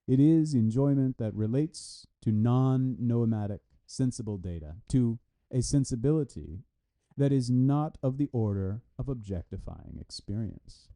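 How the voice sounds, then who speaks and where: Unhurried and warm, a man at medium pitch reads a translated philosophy article aloud. He keeps a formal, scripted tone and reads out each citation and punctuation mark.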